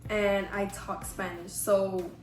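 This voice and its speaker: A woman's voice: medium pitch, flat delivery, slow. A woman in her twenties from Houston, Texas, chatting casually and self-deprecatingly to viewers in slangy speech, her voice affected by a cold. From Houston, Texas, USA. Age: 20s. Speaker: vlogger. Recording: echoey room, music underneath.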